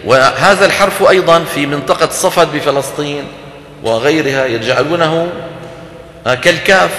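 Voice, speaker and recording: A man's voice: on the high side, pushed and bright. A man giving a religious lecture on Quran recitation, explaining points and quizzing his audience. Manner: explanatory, asks the audience questions and demonstrates sounds. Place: lecture hall. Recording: echoey hall recording.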